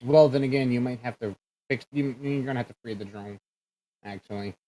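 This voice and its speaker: A man's voice: medium pitch, a little fast, dark tone, slight background noise, low-quality recording. Chatty man playing a tabletop game. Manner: chatty, thinks aloud, self-correcting. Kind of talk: casual game chat over voice call.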